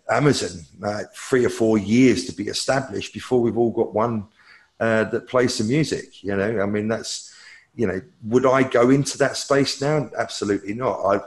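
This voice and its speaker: Male tech pundit, low voice, rambling opinionated answers. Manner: rambling, self-correcting, opinionated. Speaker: technology expert guest. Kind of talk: answering viewer questions.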